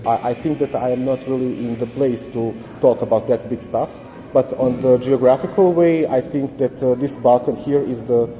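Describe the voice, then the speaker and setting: A man who studies stage design, speaking haltingly as he searches for words in an interview. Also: medium pitch, fairly even intonation, dark tone, big-room sound. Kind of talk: casual interview.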